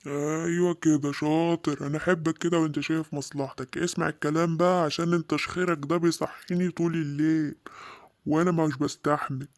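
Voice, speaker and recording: A man's voice: fairly high pitch, level tone, fast, lightly acted. A man voicing a stern big-brother cartoon animal with an Egyptian Arabic accent, scolding in a level voice. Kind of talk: children's cartoon voice acting.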